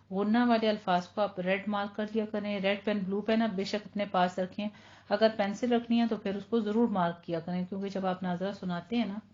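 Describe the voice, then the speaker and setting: A woman teaching Quran recitation. She explains each pronunciation rule with patience, then draws the Arabic words out slowly and carefully. Her voice sits at an ordinary middle pitch, and the lo-fi recording sounds a little muffled. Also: darkish tone. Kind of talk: online tajweed lesson.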